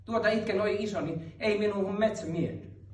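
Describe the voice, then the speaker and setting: A man's voice: high voice, pitched above the performer's own voice, natural voice. A man performing the chanted verse of a frightened young son, pleading with his dead father. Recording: roomy hall, mic far off.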